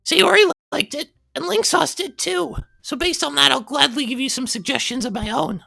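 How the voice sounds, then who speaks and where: A man's voice: extremely high pitch, moderate pace, gravelly, bright, forceful tone, no room sound, faint music behind, pitched above the performer's own voice, heavily acted. Natsuki: a man doing a snappy, bratty schoolgirl. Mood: smug. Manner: snappy, indignant, blunt. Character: feisty, blunt, bratty teenage girl. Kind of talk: visual novel voice acting.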